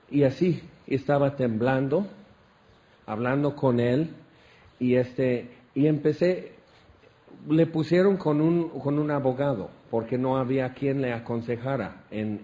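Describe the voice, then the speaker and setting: Man preaching a testimony, mellow. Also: mid-range voice, highs cut off. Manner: storytelling, acts out quoted voices. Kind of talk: sermon testimony.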